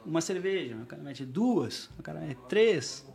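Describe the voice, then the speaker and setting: A man's voice: a little high, a little slow, vocal fry. A young man with a Brazilian accent, a podcast guest telling stories in casual chat and acting out the people he quotes. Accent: Brazilian Portuguese. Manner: animated storyteller, acts out quoted voices.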